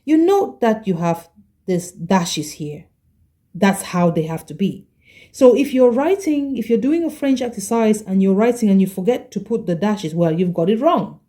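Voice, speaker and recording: A woman teaching a French lesson, explaining patiently and repeating each word slowly, often checking in with "okay?". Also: mid-range voice, animated, dark tone. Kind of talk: slow explanatory language lesson.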